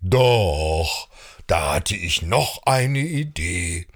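A man voicing a big, gentle bear who speaks calmly and soothingly in a children's story. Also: low-pitched, extremely slow, pitched below the performer's own voice, full character voice.

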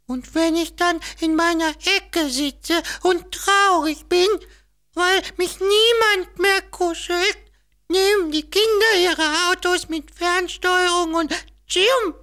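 In a children's audio story, a forlorn little brown teddy bear speaks up in a very high, trembling, sharp-toned squeak. He talks slowly and plaintively, like a toy that feels forgotten, in a heavily acted performance.

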